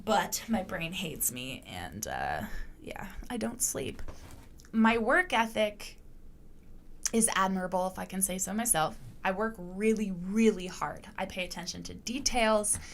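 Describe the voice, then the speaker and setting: Young adult woman, podcast host, frank and profane, gravelly edge, casual rambling delivery. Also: mid-range voice, very animated, a little slow, fairly bright tone, slight background noise. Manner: candid, blunt, swears freely, rambling with many fillers. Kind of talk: casual monologue.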